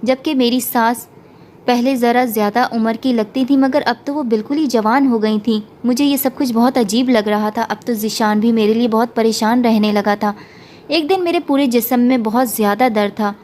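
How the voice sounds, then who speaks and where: A woman storyteller reads an emotional first-person tale in a steady, feeling voice. Her pitch sits slightly high, with a faint hiss behind her. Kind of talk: scripted story narration.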